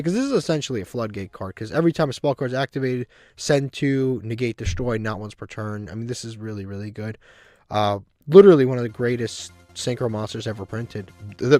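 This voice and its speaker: A man with a slight cold giving casual, monotone gameplay commentary, rambling and often restarting his sentences. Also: medium pitch. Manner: monotone, self-described. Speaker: gaming video host.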